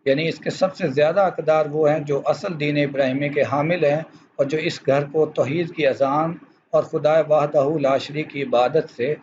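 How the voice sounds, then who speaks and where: Man giving a formal lecture, lo-fi recording. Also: a little high. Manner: formal, measured explanation addressing students. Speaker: school teacher. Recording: dull lo-fi recording with faint noise.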